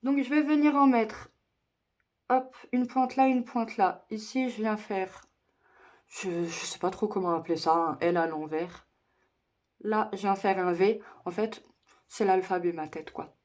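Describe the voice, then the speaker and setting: A woman's voice: mid-range voice, unhurried, a little mellow. A young woman chatting her way through a makeup tutorial, explaining each step and joking at her own expense. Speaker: beauty vlogger.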